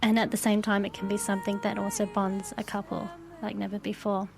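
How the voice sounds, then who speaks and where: Calm woman with flat delivery. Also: medium pitch, a little fast, gravelly, low-quality recording. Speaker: podcast host. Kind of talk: podcast narration.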